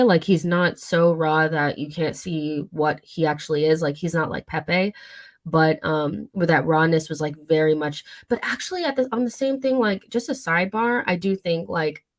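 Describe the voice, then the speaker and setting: A young woman hosts a casual football livestream, her voice low and hoarse from a cold. She talks loosely, full of fillers, side remarks and quick restarts. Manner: chatty, many fillers and asides. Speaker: football channel host.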